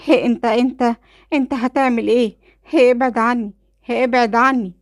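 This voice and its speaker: A woman's voice: on the high side, fairly even intonation, brisk, dry recording, clean studio sound, pitched above the performer's own voice, natural voice. A woman voicing a terrified young woman who screams and pleads, in an Egyptian Arabic accent. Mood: screaming, panicked.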